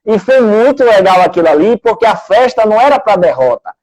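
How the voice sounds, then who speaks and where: High-voiced Brazilian coach telling stories. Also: male voice, expressive, brisk, darkish tone, poor audio. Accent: Brazilian Portuguese. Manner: earnest, conversational, acts out quoted speech. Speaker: sports coach. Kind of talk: live interview, telling anecdotes.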